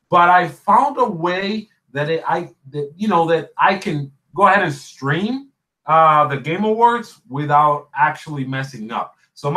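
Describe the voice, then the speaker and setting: A man hosting a casual gaming podcast livestream, chatty and excitable, saying dude and bro a lot. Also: a little high, rough recording. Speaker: podcast host.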